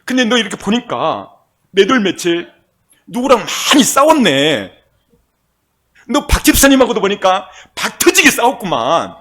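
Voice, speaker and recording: A man voicing a gruff older apostle who scolds bluntly, with a husky voice. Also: high voice, big pitch swings, moderate pace, fairly bright tone, pitched above the performer's own voice, full character voice. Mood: scolding.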